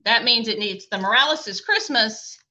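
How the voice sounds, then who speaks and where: A woman's voice: on the high side, lively intonation, moderate pace, pushed and bright. A middle-aged woman teaching a recorded grammar lecture in a chatty way, often checking in with "okay?" and "right?". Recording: dull lo-fi lecture audio.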